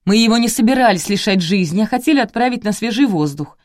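A woman's voice: medium pitch, animated, fast talker, a little mellow, dry recording, clean studio sound, pitched above the performer's own voice, natural voice. A woman reading the part of a timid, hesitant female friend in an audiobook.

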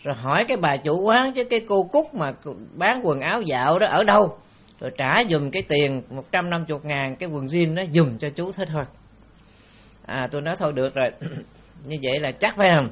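A man's voice: a little high, expressive, a little fast, a bit bright. A man, a Buddhist monk giving a rambling, conversational dharma talk full of anecdotes and fillers.

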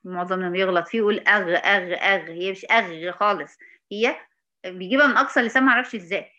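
Woman, Egyptian accent, recitation teacher, slow repeated demonstrations, muffled lo-fi sound. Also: medium pitch, pushed and bright. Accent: Egyptian Arabic. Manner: patient, repeats sounds slowly to demonstrate, checks in often. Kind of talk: online tajweed lesson.

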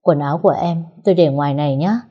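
A woman reading the lines of a caring young husband in a quiet, matter-of-fact way. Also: sits low, fast, slightly rough. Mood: calm.

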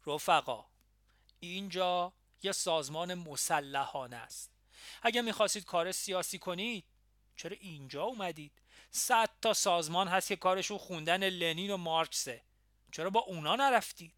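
A man's voice: on the high side, no echo, clean studio sound. A man voicing an angry male militant comrade who mocks and scolds younger members in an audiobook. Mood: scolding. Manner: mocking, then shouting and scolding.

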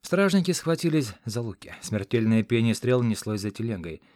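A man reads a first-person fantasy audiobook in a measured, dramatic way. His pitch sits in the middle range for a man. The recording is dry and close, with no room sound. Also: expressive, darkish tone, no room sound. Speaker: audiobook narrator.

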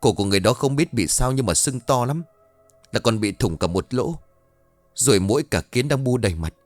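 A man's voice: mid-range voice, animated, a little fast, no echo, faint music behind, lightly acted. A man playing a frightened young male villager who is out of breath and stammers as he reports news. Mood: panicked, breathless.

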